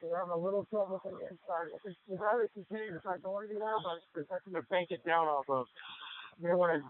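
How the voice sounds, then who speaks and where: A man's voice: sits high, fast. A man giving urgent firefighter commands as an incident commander over a two-way radio. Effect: two-way radio transmission. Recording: muffled band-limited radio transmission.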